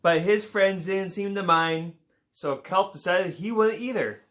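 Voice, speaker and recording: A man reading a children's picture book aloud in a relaxed way, with small slips and playful asides. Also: high-pitched, a little slow. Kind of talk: read-aloud children's story.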